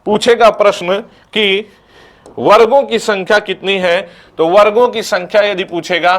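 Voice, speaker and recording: A man's voice: high-pitched, fairly bright tone. A young man teaching an exam coaching lecture, who asks questions and answers them himself and recites letters one by one.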